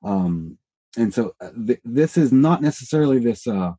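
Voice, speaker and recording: A man in his thirties, an independent researcher guesting on a podcast, explains ideas casually in an interview, rambling, correcting himself and hedging as he thinks out loud. His mid-range voice is animated and moderately paced, with a dark, breathy tone, and the recording is dry.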